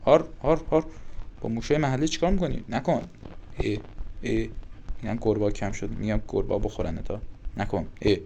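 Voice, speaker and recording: A young man commenting on a horror game as he plays it, joking and taunting in quick exclamations. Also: mid-range voice, gravelly, a little mellow, a little hiss or hum. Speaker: gaming YouTuber.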